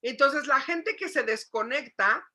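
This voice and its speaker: A woman psychologist giving a lively lecture to parents, asking the audience questions and acting out shouting. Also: high voice, a little slow. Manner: animated, asks the audience questions, acts out shouting.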